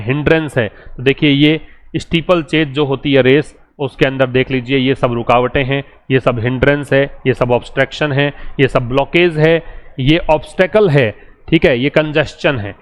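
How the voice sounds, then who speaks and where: A man with an Indian accent teaching an English vocabulary lesson, listing synonyms in drilled repetition and slowing down for English example sentences. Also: mid-range voice, fairly even intonation.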